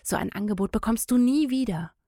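A woman's voice: on the high side, lively intonation, a little fast, dark tone, no room sound, clean studio sound, pitched above the performer's own voice. Woman reading a teasing, seductive woman. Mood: coaxing. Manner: coaxing, breathy whispers at times. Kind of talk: audiobook character reading.

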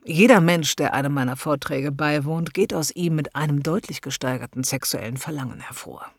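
A woman voicing a smooth-talking male hypnotist who speaks slowly and coaxingly, often close to a whisper. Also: low voice, no room sound. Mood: smooth persuasive. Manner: slow, soft and coaxing, often near a whisper.

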